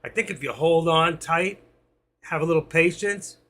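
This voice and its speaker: A man hosts a live trading stream, giving market commentary to viewers as he watches the charts and dropping quiet asides between his sign-offs. His voice is on the high side at a normal speed, and he is losing it.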